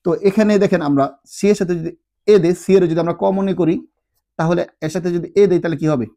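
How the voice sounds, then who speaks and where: A man teaching a tutorial lesson, patiently asking his listeners questions and answering them himself, sounding out syllables slowly one at a time. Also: sits high, mellow. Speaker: language teacher.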